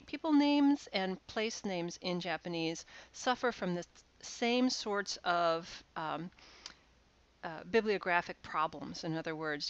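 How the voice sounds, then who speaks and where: Woman lecturing over slides, smooth low voice. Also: highs cut off. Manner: explanatory, with frequent "uh" and restarts. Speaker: university lecturer. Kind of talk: recorded course lecture.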